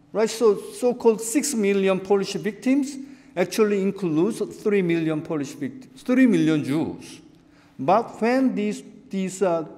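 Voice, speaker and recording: A middle-aged man from South Korea giving a keynote academic lecture at a lectern, animated and gesturing, often restarting phrases. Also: sits high. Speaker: keynote speaker. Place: large conference hall. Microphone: lectern microphone. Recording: long reverb of a lecture hall.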